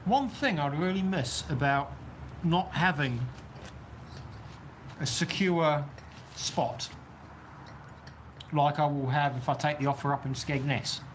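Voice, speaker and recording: Speaking slowly and pausing often, this man has a fairly high voice and a New Zealand accent, with slight background noise. He rambles through viewer comments on a casual livestream from an outdoor weather shelter on a golf course.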